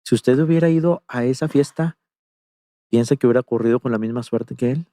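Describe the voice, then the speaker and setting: Mellow-voiced male interviewer. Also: medium pitch, fairly quick, no echo, clean studio sound. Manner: encouraging, with soft "ujú" backchannels. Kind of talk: interview questions.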